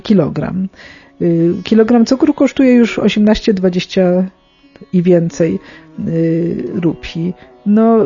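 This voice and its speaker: A middle-aged woman speaking unscripted in a radio interview, explaining in a halting way and often correcting herself. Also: medium pitch, dark tone, breathy edge, lo-fi sound. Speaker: interviewed aid worker among lepers in India.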